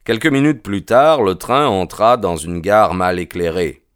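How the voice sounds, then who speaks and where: A man narrating a novel as an audiobook in a measured, even storytelling manner. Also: deep voice, smooth, no echo, clean studio sound. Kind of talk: scripted narration.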